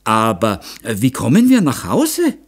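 A man voicing a gentle, worried young noblewoman who asks soft, anxious questions in an audiobook. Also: medium pitch, wildly swooping pitch, measured pace. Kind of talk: audiobook character voice.

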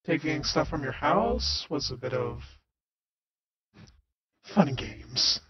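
A man's voice: a little high, expressive, slow, gravelly, breathy edge, muffled recording, heavily acted. A man playing a mocking, foul-mouthed villain with a taunting, sneering manner in an improvised Minecraft drama. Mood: scornful, impatient.

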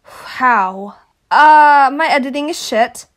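High-voiced young woman, playful and loud. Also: expressive, slow. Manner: playful, swears a lot, dramatic outbursts. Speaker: channel host. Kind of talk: casual Q&A chat. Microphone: home microphone.

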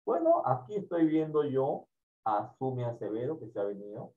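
Patient teacher mumbling over a video call. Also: male voice, medium pitch, sing-song, normal speed. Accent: Peruvian Spanish. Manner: patient, repeats himself, trails off into mumbling. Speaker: primary school teacher. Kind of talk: online class, casual instructions. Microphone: computer mic on video call. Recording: dull lo-fi call audio.

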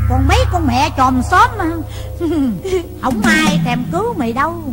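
A woman's voice: very high voice, exaggerated voice. An actress playing a cruel, scheming foster mother in a stage drama, taunting and cackling threats. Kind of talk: Vietnamese cải lương stage drama. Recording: stage drama with loud music behind.

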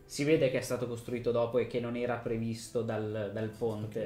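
A man's voice: mid-range voice, level tone, moderate pace, a little mellow. A man acting as game master, casually narrating and explaining a tabletop role-playing game. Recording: roomy echo, clear background noise.

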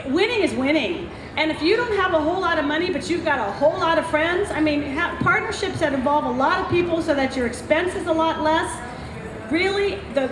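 The reverberant recording captures a middle-aged woman veterinarian with a high voice, background noise behind her. Holding a handheld mic in an outdoor racetrack paddock, she explains points to a clinic audience, teaching with emphasis and gestures.

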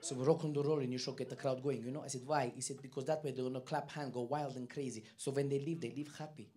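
A male comedian with a put-on Armenian accent, doing live stand-up in broken, halting English on a comedy club stage. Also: mid-range voice, fairly even intonation, warm tone. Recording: live club recording with crowd and piano. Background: audience laughter and piano.

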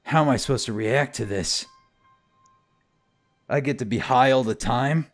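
A man's voice: medium pitch, normal speed, soft background music. A man reading a visual novel aloud in a mock-dramatic way, breaking off into jokes with a friend. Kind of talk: comedic read-through.

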